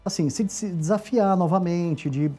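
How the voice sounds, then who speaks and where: Husky-voiced man hosting an interview. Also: high voice, moderate pace, faint music behind. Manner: warm, encouraging questions with affirming fillers. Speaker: interview host. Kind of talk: conversational interview.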